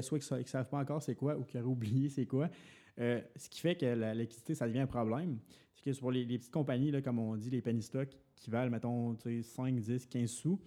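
Young Quebec French male podcast co-host, warm low timbre, rambling casual explainer full of fillers. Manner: explains at length with many fillers and restarts. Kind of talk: casual finance podcast talk.

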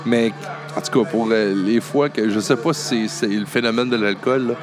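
A man's voice: mid-range voice, normal speed, over music. A man with a Quebec French accent hosting a very informal, joking conversation in colloquial language. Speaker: interviewer, host. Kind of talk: casual chat.

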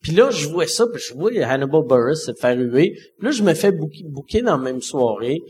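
A man in his forties with a Québécois accent, a stand-up comedian telling a story in casual talk, swearing freely and dropping low for punchlines. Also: sing-song, a little fast, a little mellow, slight background noise. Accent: Québécois French. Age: 40s.

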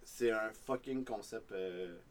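A man's voice: on the low side, takes it slowly. A man with a Quebec French accent, co-hosting a podcast in casual chat, opinionated and swearing freely. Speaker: podcast co-host. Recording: distant mic with faint noise.

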